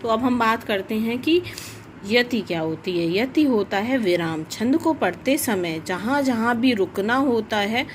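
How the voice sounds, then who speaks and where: A woman teaching a grammar lesson to children, explaining slowly and repeating each definition. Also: fairly high pitch, expressive, a little hiss or hum.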